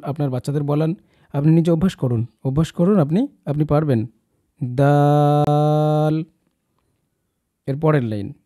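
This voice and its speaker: A young man teaching the Quranic alphabet, encouraging his listeners and drawing out each letter slowly. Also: fairly high pitch, dark tone. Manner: encouraging, slow drawn-out recitation of letters.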